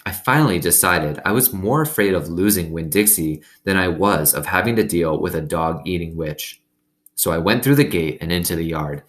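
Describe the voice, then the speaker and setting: Reading a children's story aloud to students, a man uses a deep, animated voice at a moderate pace. He's expressive in the reading and drops in casual asides to his listeners.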